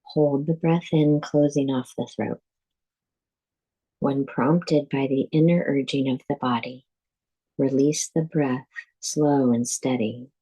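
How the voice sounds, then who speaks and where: A yoga nidra teacher guides a meditation in a very deep, husky, soft-edged voice with a dark, relaxed tone. She speaks very slowly, calmly and deliberately, giving short, measured instructions with space between them. The recording is low quality.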